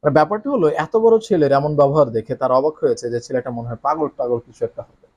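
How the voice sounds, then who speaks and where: A man teaching English explains how to read a story aloud, frequently reading lines slowly with exaggerated expression and tossing tag questions at the listener. His voice is a little high, expressive and slightly mellow, with a breathy edge.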